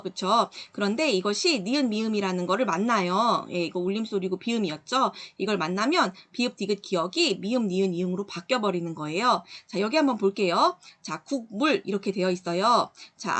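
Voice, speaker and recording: A woman's voice: medium pitch, a bit bright. A woman teacher walking students through exercises in a recorded online lesson, patient and explanatory, often checking in with the class. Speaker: middle school Korean teacher.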